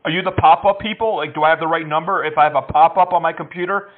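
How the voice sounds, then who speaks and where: A man's voice: fairly high pitch, fairly even intonation, fast. A man prank-calling scammers, mocking and teasing them with frequent laughter. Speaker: scam baiter. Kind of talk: prank phone call. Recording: tinny phone line.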